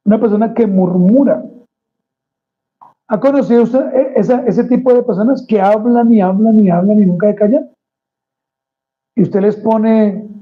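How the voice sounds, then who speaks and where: A man's voice: high-pitched, dull audio. A male pastor delivering a conversational sermon, addressing the congregation as brothers and acting out small quoted exchanges.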